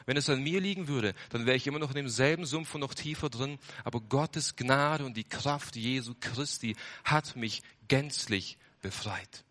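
With a moderate pace and few pauses, a young man preaches his testimony in an earnest sermon voice. His tone is bright and forceful, surging loud and then sinking to hushed lows, as he repeats phrases for emphasis.

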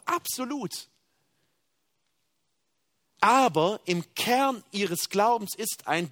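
A man preaching a sermon, moving between hushed, confessional passages and loud, emphatic declarations. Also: high voice, no echo.

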